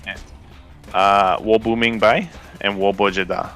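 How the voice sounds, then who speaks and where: A man with a low, bright voice chats casually on a gaming podcast. He rambles in a relaxed way and laughs often. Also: measured pace, faint music behind. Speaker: podcast co-host.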